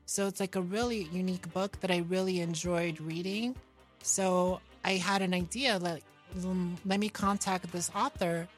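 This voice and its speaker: This interview guest from New York, United States, has a voice on the low side and a steady tone, talking at normal speed with soft background music. The conversation is casual, and she speaks simply, in a guileless, self-deprecating way.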